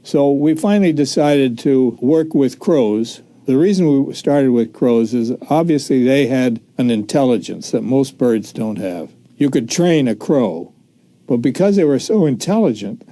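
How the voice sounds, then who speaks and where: A man recalling a film shoot in an archive interview, explaining calmly and matter-of-factly. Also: medium pitch, measured pace, no room sound. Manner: calm, matter-of-fact explaining.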